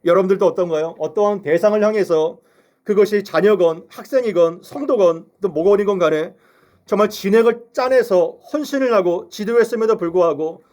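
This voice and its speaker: High-voiced man preaching a sermon. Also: fairly quick, darkish tone. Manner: earnest preaching with rhetorical questions to the congregation. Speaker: pastor. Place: church sanctuary.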